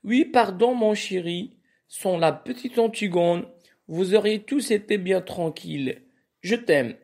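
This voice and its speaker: A man's voice: high-pitched, slow pace, creaky, darkish tone, heavily acted. A man reading aloud the part of a frightened young woman facing death, in a tender, pleading voice.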